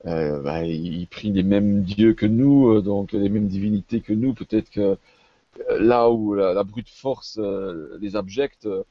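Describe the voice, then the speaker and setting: A man's voice: lowish voice, a little slow, no room sound, dull audio. A man playing his character in a tabletop game over an online call, stammering and repeating himself. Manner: stammering, many repetitions. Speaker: player. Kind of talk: tabletop role-play.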